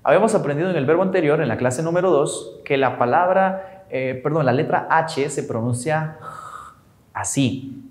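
A young man teaching English in Spanish, drawing out each word slowly for students to repeat. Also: fairly high pitch. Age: young adult. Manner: slow, drawn-out model pronunciations for repetition. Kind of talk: Spanish-language English lesson. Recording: echoey room.

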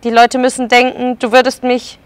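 A woman's voice: a little high, completely flat delivery, normal speed, clean tone, no room sound, natural voice. A woman voicing a commanding, middle-aged male circus director in a read-aloud storybook.

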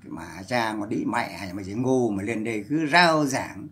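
A man's voice: fairly low pitch, animated, moderate pace, fairly bright tone. A man ranting on a livestream, scolding and cursing in a heated voice. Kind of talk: angry livestream rant.

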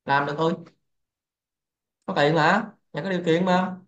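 A man's voice: a little high, fairly even intonation, moderate pace, fairly bright tone. A man hosting a crypto trading channel, lecturing bluntly and swearing freely in a casual livestream rant. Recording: echoey, dull lo-fi sound.

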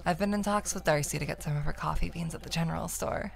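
A woman's voice: sits low, quick pace, vocal fry, soft background music. A woman voicing a friendly, chatty small-town villager from a farming game.

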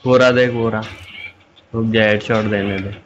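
A man's voice: lowish voice, fairly even intonation, normal speed, muffled recording, noisy background. A man in casual voice chat during a shooter game, giving urgent callouts and repeating commands to his squadmate. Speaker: gamer calling out to a squadmate. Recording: faint gunfire and clicks behind.

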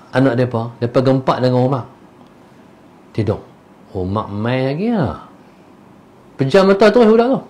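A religious teacher tells a story in his lecture with lively energy. He shifts between sudden loud bursts and quiet, murmured asides. He slips briefly into the voices of the characters as he goes. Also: a little high. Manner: animated, acts out the characters' voices.

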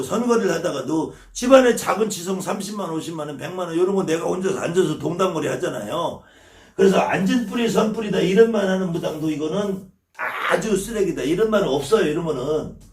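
A man's voice: high-pitched, lively intonation, fairly quick, darkish tone, roomy sound, recorded from a distance. A man from the Chungcheong region, a shaman teaching his viewers, blunt and scolding and swearing freely as he lectures. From Chungcheong, South Korea.

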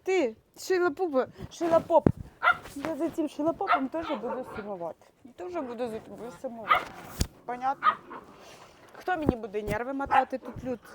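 Tearful high-voiced woman cooing at puppies. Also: animated, normal speed, heavy background noise. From Ukraine. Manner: cooing baby talk to dogs. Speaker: dog breeder. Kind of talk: emotional vlog talk to her puppies. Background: dogs.

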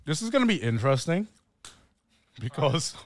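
A man's voice: a little high, sing-song, normal speed, a little hiss or hum. A young man in casual stream banter, laughing and teasing. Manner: laughing, teasing, keeps asking for butter. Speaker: podcast co-host.

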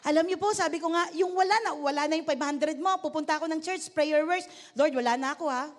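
Very high-voiced woman pastor preaching. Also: fast. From Philippines. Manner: lively preaching that calls out to the congregation with repeated questions; polite and switches between Tagalog and English. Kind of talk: sermon. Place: church service.

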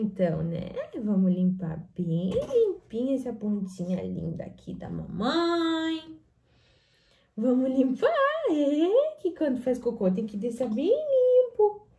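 A woman's voice: sits high, warm tone. A young woman talking singsong baby talk to her newborn daughter, soothing and repeating words while changing her. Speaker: mother and vlogger.

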